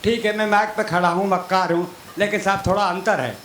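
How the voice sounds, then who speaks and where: Older man, high voice, declamatory comic poet, echoey stage sound. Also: steady tone, a little fast, slight background noise. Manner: loud, declamatory, teasing banter with the other poets. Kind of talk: comic poetry recital on stage.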